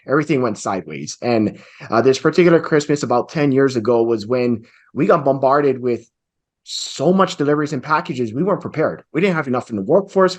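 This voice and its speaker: A man in his forties from Hawaii, a real estate investor telling his story earnestly and reflectively over a video call. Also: medium pitch. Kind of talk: storytelling interview answer. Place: home office with bookshelves.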